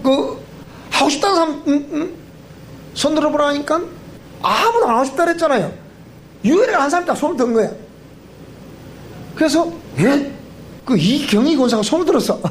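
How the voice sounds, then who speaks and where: A male pastor with a Gyeongsang accent giving a joking, animated seminar lecture that quizzes the audience. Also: very high voice, slight background noise. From Gyeongsang region of Korea. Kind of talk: sermon-style seminar lecture. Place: church hall.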